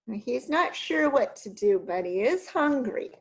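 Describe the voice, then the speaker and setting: A woman reading a children's story aloud, with lively asides and "um"s to her young listeners. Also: fairly high pitch, a little slow, rough recording.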